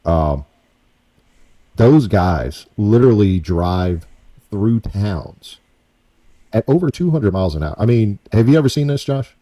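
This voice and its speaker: Lively low-voiced man hosting a podcast. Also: measured pace, pauses often. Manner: animated, rambling, repeats himself. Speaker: podcast host. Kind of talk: casual chat.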